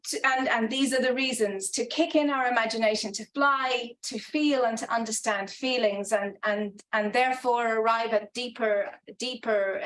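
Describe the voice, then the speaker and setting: This academic presents at a conference in a slightly high, somewhat bright voice, sounding earnest and thoughtful. She hesitates often, restarting sentences and using filler sounds, on a low-quality recording.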